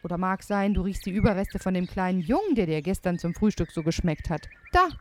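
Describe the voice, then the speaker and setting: A woman voicing the giant's big wife, gruff on the surface but kind underneath. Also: lowish voice, expressive, a little fast, a little hiss or hum, lightly acted. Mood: bossy. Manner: scolding, urgent.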